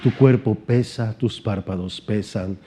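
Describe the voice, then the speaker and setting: A man voicing a male stage hypnotist who speaks in a deep, slow, hushed voice. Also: close to an everyday voice. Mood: hypnotic.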